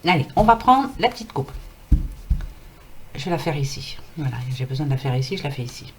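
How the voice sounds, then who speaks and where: A woman's voice: deep voice, very animated, fairly quick. A French woman giving a casual card reading, chatty and reassuring, with a scratchy throat and a fading voice. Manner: chatty, reassuring, many fillers. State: scratchy throat, losing her voice. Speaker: card reader. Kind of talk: casual tarot reading to camera.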